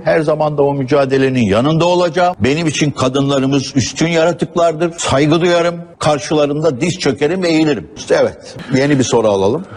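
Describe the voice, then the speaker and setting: A man appearing as a guest in a heated televised debate, speaking slowly in a needling, mock-calm way. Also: medium pitch, slight background noise. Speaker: studio guest.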